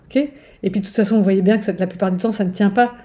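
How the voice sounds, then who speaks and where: Mellow-voiced woman coach, chatty. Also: mid-range voice, steady tone, fast talker. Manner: chatty, keeps checking in with "ok?"; digressive, with restarts. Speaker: spiritual relationship coach. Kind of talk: casual teaching monologue.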